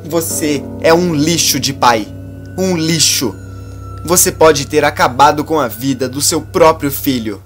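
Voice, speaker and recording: A man's voice: on the high side, a little slow, fairly bright tone, soft background music, voice pushed up. A man voicing an angry woman police chief who scolds someone harshly. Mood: furious. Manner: harsh, accusing.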